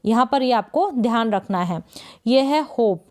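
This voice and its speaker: A woman from India teaching English pronunciation in Hindi, spelling words out letter by letter and repeating them slowly with question prompts. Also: on the high side, lively intonation. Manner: slow, drilling repetition with "what is it?" prompts.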